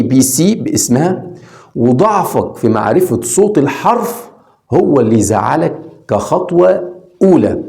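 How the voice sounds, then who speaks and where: A man with an Egyptian Arabic accent teaching English to beginners online, asking rhetorical questions and sounding out letters slowly. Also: medium pitch, vocal fry, mellow. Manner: asks rhetorical questions and answers them.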